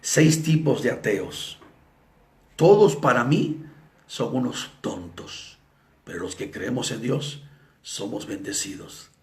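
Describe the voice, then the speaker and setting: A male evangelist preaching a sermon, telling stories dramatically and acting out the people in them, sometimes with shouts. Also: mid-range voice, lively intonation, slow pace. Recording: echoey room.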